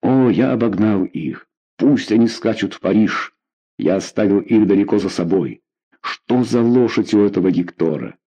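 A tired young king barks short orders, urgent and commanding, as a male narrator voices him. The voice is low, dark and husky, read out as an audiobook character. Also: expressive, normal speed, highs cut off. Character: young hunted king, weary but commanding.

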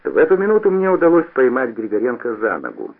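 Husky male reader on an old radio. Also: medium pitch, quick pace. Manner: expressive storytelling. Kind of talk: scripted narration. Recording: tinny old radio broadcast.

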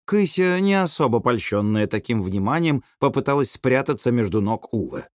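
A man narrating an audiobook in an animated storytelling manner. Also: medium pitch, moderate pace, no echo, studio quality. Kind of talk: scripted narration.

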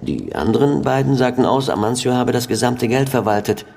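In a radio drama, an actor plays a matter-of-fact police colleague briefing a detective with a clipped, official report that's factual and speculative. His mid-range voice is expressive, brisk, creaky and darkish, with a little hiss or hum in the background.

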